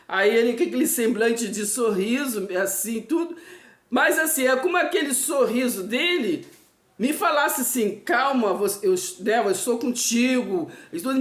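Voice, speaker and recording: A woman with a Brazilian accent telling a personal supernatural story in a halting, emotional way, full of restarts and nervous laughter. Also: high voice. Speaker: host of a live stream. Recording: echoey room.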